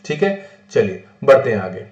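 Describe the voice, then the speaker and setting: A man from northern India teaching a fast-paced tax lecture, mixing English terms into his Hindi and answering his own rhetorical questions. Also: medium pitch, big pitch swings, darkish tone. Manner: asks rhetorical questions and answers them himself. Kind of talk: exam-prep classroom lecture. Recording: roomy echo.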